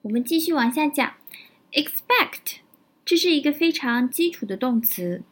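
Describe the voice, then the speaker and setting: A woman's voice: high voice, expressive, normal speed, fairly bright tone. A woman teaching English vocabulary, explaining words step by step, building example sentences and often checking in with "right?". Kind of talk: vocabulary lesson.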